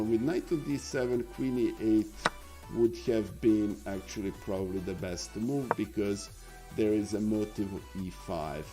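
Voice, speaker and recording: A middle-aged man with a Serbian accent gives chatty live-stream commentary on chess games, full of fillers and asides to viewers. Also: medium pitch.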